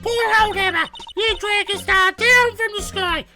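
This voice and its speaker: A woman's voice: very high voice, unhurried, pitched above the performer's own voice. A woman voicing a cranky old woman guard who scolds and rants in a screechy voice. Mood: ranting, scolding. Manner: scolding, ranting. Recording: game music behind.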